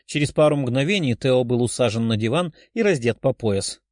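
A man narrating an audiobook in an expressive storytelling read. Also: medium pitch, normal speed, no room sound, clean studio sound. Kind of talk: scripted narration.

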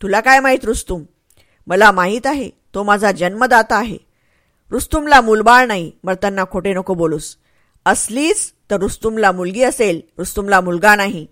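A woman's voice: medium pitch, moderate pace, a bit bright, no echo, close to an everyday voice. A woman voicing a mighty older male warrior and father, taunting and mocking in his speech. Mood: scornful.

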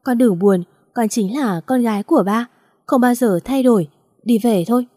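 A bitter, vengeful middle-aged father hurls loud accusations, as a woman storyteller voices him. His voice is warm and mellow, recorded dry and close with no room sound. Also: on the high side, moderate pace, no echo, natural voice. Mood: tender, tearful.

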